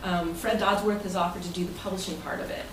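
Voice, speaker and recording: Talking fast, this woman has a voice on the low side with fairly even intonation. She gives a club meeting an informal, chatty presentation as president, rambling somewhat and speaking loosely. The recording is distant, roomy and noisy.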